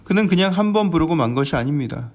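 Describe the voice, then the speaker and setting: Male pastor, earnest dawn sermon, fairly high voice, lively delivery. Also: fast. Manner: earnest, animated, acts out scenes. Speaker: senior pastor.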